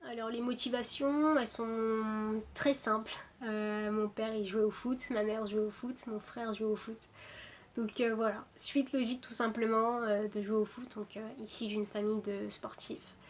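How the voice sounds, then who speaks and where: A woman in her twenties, from Portugal, talks casually about herself as a footballer. Her delivery is hesitant and even, with little rise and fall and many filler sounds. A faint ambient hiss sits behind her. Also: a little high, normal speed. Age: 20s. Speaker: footballer interviewed. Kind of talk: casual self-introduction to camera.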